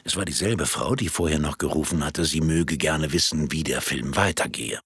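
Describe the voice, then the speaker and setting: A man narrating a story in a measured, wry storytelling manner. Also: a bass voice, a bit bright, breathy edge, no room sound, clean studio sound. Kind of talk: audiobook storytelling.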